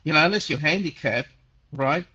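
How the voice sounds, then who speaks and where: A man in his sixties, who grew up in Chile, hosts a casual call-in and answers listeners. His voice sits a bit high for a man. He rambles, repeats himself and fills his talk with "uh" and "um", and the audio sounds muffled and lo-fi. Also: normal speed, sharp tone, slightly rough. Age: 60s. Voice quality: nearly deaf. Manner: rambling, repeats words, frequent fillers. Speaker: host answering listener questions.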